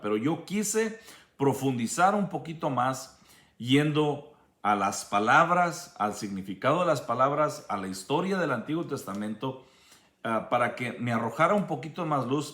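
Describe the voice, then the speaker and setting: A man giving a slow, measured Bible-study sermon, often restarting his sentences as he explains. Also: medium pitch, fairly bright tone, reverberant. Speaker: preacher.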